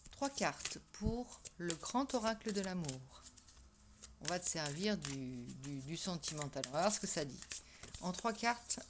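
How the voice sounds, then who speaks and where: A woman's voice: on the low side, noisy background. A woman doing a casual tarot reading for her viewers, chatty and hesitant with many fillers and restarts. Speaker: tarot reader. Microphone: microphone that keeps falling.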